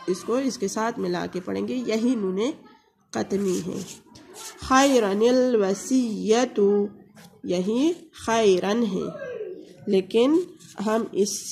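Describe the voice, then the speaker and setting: A woman's voice: medium pitch, vocal fry, mellow, slightly rough. A woman teaching a Quran recitation lesson, patiently spelling out letters and vowel marks and drawing out example words.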